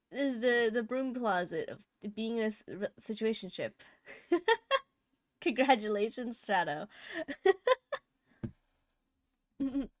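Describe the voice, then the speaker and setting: A woman's voice: fairly high pitch, no room sound, studio quality. A woman livestreaming in a playful, giggly gamer-girl manner, chatting casually with her viewers and swearing freely. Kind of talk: casual chat with live stream viewers.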